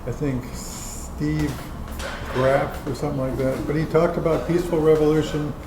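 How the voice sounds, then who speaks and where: A man who produces a public-access show chats casually at a dinner gathering indoors, spinning a rambling, chuckling tale about it. He speaks at a normal speed in a steady, fairly high voice; the room is echoey, with background noise.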